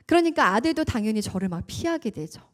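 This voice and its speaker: A woman's voice: fairly high pitch, very animated, fast talker. A woman giving a church testimony as a guest speaker, telling her story vividly, acting out dialogue and laughing often.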